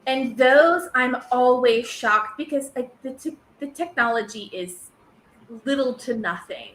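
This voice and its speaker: A woman chatting casually as a podcast guest, lively and laughing, with playful put-on voices. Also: sits high, unhurried, echoey room, slight background noise, rough recording. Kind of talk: casual chat.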